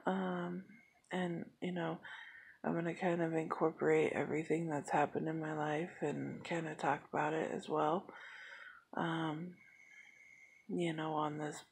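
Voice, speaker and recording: A young woman in her late twenties opens up in a personal vlog update, her voice low and deeply husky. She talks slowly and haltingly, with many fillers, holding back emotion. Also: darkish tone. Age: 20s. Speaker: vlogger.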